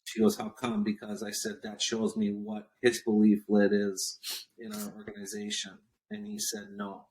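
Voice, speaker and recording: This man's voice is low-ish, gravelly, and darkish, swinging widely in pitch at a moderate pace, and the audio quality is poor. He's a 40-something entrepreneur being interviewed on a podcast, speaking casually and hammering points home through repetition, with an occasional cough.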